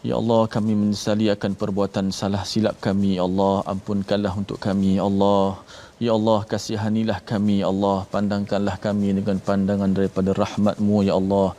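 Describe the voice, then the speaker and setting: A man leading a recited supplication prayer, repeating invocations in a steady rhythm. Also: on the low side, fast talker. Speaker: religious teacher leading prayer.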